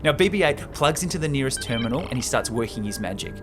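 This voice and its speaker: A man hosts a show where he retells a film script quickly, his medium-pitched voice full of lively intonation. He banters enthusiastically with a co-host and adds chatty remarks, all over loud music.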